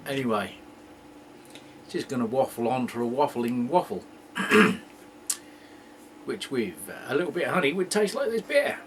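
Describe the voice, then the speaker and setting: A man hosting a homebrew video, chatting casually as he tastes a beer, rambling and joking and often clearing his throat. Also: medium pitch, big pitch swings, a little slow, long pauses, slight background noise. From England. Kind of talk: casual homebrew tasting chat.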